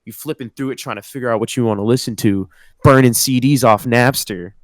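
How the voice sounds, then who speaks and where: Here the same kind of speaker, a twenty-something podcast co-host from Southern California, rambles through casual chat with slang and filler words. His medium-pitched voice moves fairly quickly, recorded at studio quality with no echo.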